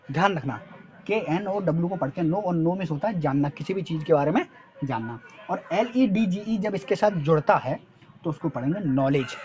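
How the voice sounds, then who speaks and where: A man's voice: sits high, darkish tone, muffled recording. A male teacher with a Hindi accent giving an English lesson, spelling words letter by letter and asking and answering his own quiz questions. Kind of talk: spoken-English lesson at a board.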